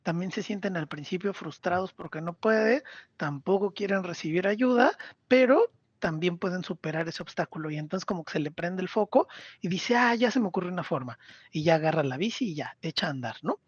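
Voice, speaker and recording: Man, Mexican accent, husky, casual podcast talk, muffled lo-fi recording. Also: high-pitched, a little fast, no echo. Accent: Mexican Spanish. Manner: animated storyteller, acts out character quotes. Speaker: podcast co-host.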